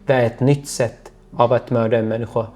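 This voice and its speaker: Halting man. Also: medium pitch, fairly even intonation, darkish tone. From Syria. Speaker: guest. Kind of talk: personal storytelling interview.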